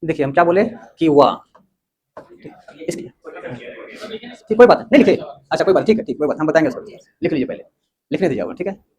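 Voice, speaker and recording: A man. He explains patiently, pauses often to ask whether the class has understood, and keeps the students moving along. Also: sits high, a little mellow. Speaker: teacher. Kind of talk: classroom lecture.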